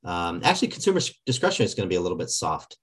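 Male analyst, lowish pitch, conversational commentary, measured and somewhat halting. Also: sing-song, fairly bright tone, slightly rough. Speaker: market analyst, podcast regular.

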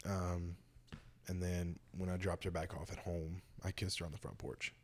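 A man's voice: deep voice, little pitch movement, normal speed. A young man chatting casually with a friend, telling laid-back stories and laughing often. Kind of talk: casual chat.

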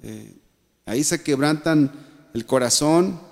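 A man with a Mexican accent preaching a sermon, swinging between emphatic lines and soft, quiet asides. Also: fairly high pitch, takes it slowly, gravelly. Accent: Mexican Spanish. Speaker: pastor. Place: church. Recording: echoey church hall.

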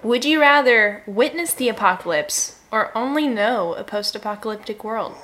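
A woman's voice: on the high side, expressive, moderate pace, a bit bright. A young woman chatting casually with a friend, agreeable and giggly. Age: young adult. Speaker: co-host. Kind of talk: casual chat.

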